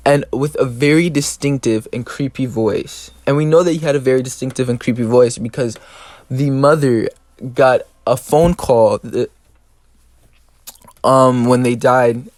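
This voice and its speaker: A man's voice: mid-range voice, no room sound. A young man co-presenting a student podcast, going through prepared notes in a matter-of-fact, list-like way.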